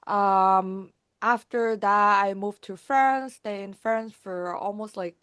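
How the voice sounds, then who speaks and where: A young woman from Thailand talks as a guest in a relaxed interview. Her speech is quick and lively and full of little fillers, at a middling pitch for a woman. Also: clear, resonant tone. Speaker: guest, founder. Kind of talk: casual interview talk.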